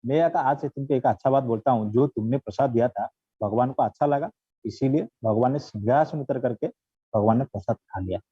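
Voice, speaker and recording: A man's voice: mid-range voice, fairly quick, slightly rough, no room sound, natural voice. A man voicing an earnest young boy who sincerely insists he is telling the truth. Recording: dull, dry recording.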